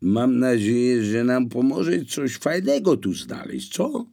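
A man voicing a rough, bullying male burglar who talks in a brash, mocking and threatening way. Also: medium pitch, sing-song, slow pace, dark tone, pitched above the performer's own voice, heavily acted.

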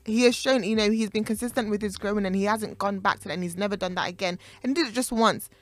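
Animated woman in her twenties chatting. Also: mid-range voice, fast talker, dry recording. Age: 20s. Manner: animated, laughs loudly, emphatic. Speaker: podcast co-host. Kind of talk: casual chat.

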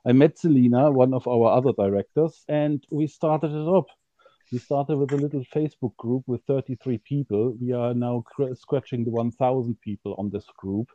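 A man's voice: medium pitch, normal speed, dark tone, no room sound. A man from Germany with a German accent and native German, casually telling stories as a podcast guest. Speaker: podcast guest, conservation group director. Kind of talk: casual storytelling in an interview. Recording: slightly dull, lo-fi, dry sound.

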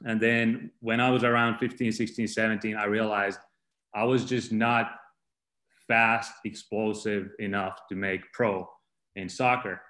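Speaking at a measured pace, the Finnish coach answers interview questions on a podcast in a plain, explanatory way. His voice is on the low side and fairly bright, with little pitch movement, in a roomy, echoing space.

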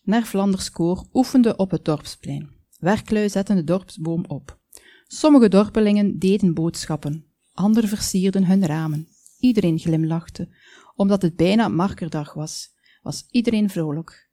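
A woman calmly reading a children's story aloud, with small slips now and then. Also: mid-range voice, normal speed, no echo. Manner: calm, with small slips and asides.

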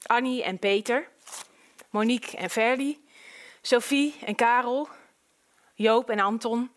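A woman narrating an audiobook in a calm, measured storytelling voice. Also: a little high.

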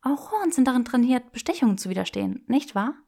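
A woman's voice: fairly high pitch, expressive, fast talker, vocal fry, warm tone, voice pushed up. A woman voicing a playful, bold young witch who teases and often whispers. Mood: teasing.

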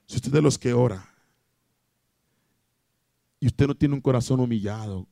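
A male pastor preaching a sermon, swinging from shouting to soft and calling out to the congregation for amens. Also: mid-range voice, moderate pace, vocal fry, dry recording, studio quality. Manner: addresses congregation as brother, calls for amens.

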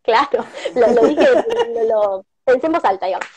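A woman's voice: fairly high pitch, lively intonation, moderate pace, darkish tone, husky. A middle-aged woman with an Argentine Rioplatense accent giving an earnest motivational talk, sprinkling in personal stories and tag questions. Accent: Argentine Rioplatense Spanish. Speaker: prosperity workshop guest speaker. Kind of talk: motivational talk on a live stream. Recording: dull lo-fi stream audio.

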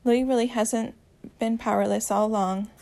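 A woman reading a romance story aloud, with a gentle, even storytelling manner and small voice changes for the dialogue. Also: on the high side, moderate pace, creaky. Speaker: audiobook narrator.

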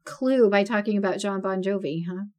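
A woman's voice: medium pitch, normal speed, a little mellow. A woman in her forties co-hosting a podcast in casual chat, talking freely with lots of fillers and frequent laughter. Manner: chatty, laughs often, many fillers. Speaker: podcast co-host.

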